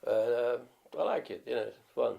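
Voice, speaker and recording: A man's voice: mid-range voice, lively intonation, normal speed, gravelly, mellow, dull audio. A man in his seventies from Turkey, speaking English with a Turkish accent, telling rambling stories about his life as a viola player, with many fillers and restarts. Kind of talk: reminiscing in a documentary interview.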